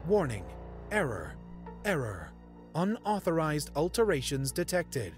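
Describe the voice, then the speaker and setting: A man's voice: fairly high pitch, huge pitch swings, unhurried, faint music behind. Give me a man voicing a glitching robot unit throwing errors. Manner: clipped formal machine speech. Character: malfunctioning male AI robot unit. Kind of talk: tabletop game roleplay.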